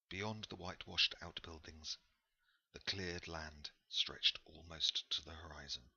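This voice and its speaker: Very deep, slow male narrator. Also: bright, forceful tone, husky, lo-fi sound. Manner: measured, unhurried storytelling. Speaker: audiobook narrator. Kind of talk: scripted narration.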